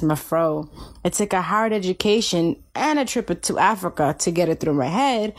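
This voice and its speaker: Woman reciting rhythmic spoken-word poetry. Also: lowish voice. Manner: rhythmic rhymed delivery, slowing on closing lines.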